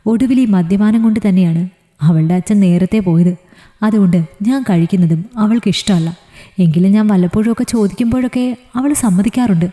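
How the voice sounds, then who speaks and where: Woman doing soft-spoken young man, pleading, joking, mellow tone, echoey room. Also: medium pitch, fast, close to an everyday voice. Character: young man, loving and gently teasing fiancé.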